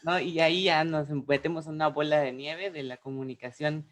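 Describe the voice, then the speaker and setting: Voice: medium pitch, fairly even intonation, normal speed. A co-host of a webinar on the speaking voice, talking reflectively, searching for words and correcting itself along the way, over a video call.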